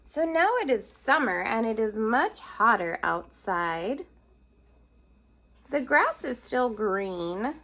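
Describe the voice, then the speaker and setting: A woman teacher reads a picture book aloud to young children, pausing to point out the pictures and explain them. Her voice is a little high, with a fairly bright tone.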